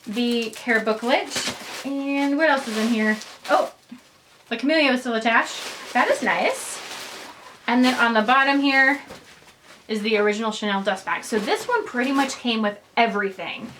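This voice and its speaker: A young woman vlogger chatting casually and excitedly through an unboxing, rambling as she goes. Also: fairly high pitch, moderate pace, slight background noise, rough recording. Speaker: fashion vlogger.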